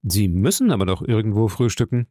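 A man voicing a calm, powerful count who speaks softly and measuredly. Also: on the low side, no room sound, studio quality. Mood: gentle. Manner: soft, measured, gently smiling. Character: calm, powerful middle-aged count, gentle and mysterious.

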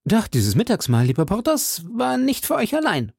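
A man's voice: high voice, wildly swooping pitch, normal speed, creaky, darkish tone, husky, no room sound, pitched above the performer's own voice, heavily acted. A refined, vain young musketeer, as a man reading aloud puts him on in a storybook, airy and affected. The voice is raised and swings widely, in a dry close room. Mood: airy lively.

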